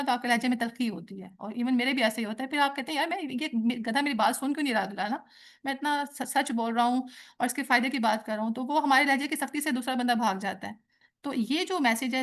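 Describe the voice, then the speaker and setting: A woman lectures on scripture, her speaking voice pitched slightly high. She explains step by step and slips easily between languages, quoting Arabic lines and then unpacking them for her students. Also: a bit bright. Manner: explanatory, mixing in English and quoted Arabic. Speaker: teacher. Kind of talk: religious lecture.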